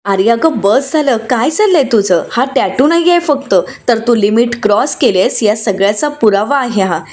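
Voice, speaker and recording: A furious young wife scolds with an indignant edge, her voice sitting fairly high, as a woman narrator reads her lines. She presses each point with sharp reproach. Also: animated, moderate pace, natural voice. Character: angry protective young wife.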